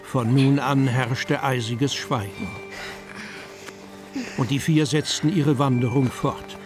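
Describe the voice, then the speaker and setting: In a children's fantasy radio play, a male actor with a natural, mid-pitched voice voices the storyteller, reading scripted narration at a slow pace in a storytelling mood. Music plays clearly behind him in this scripted audio drama.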